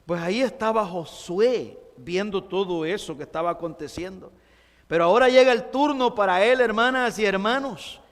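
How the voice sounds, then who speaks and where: Man pastor, high voice, emphatic repetitive sermon delivery, long church reverb. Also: moderate pace. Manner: emphatic, repetitive preaching addressing the congregation. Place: church sanctuary.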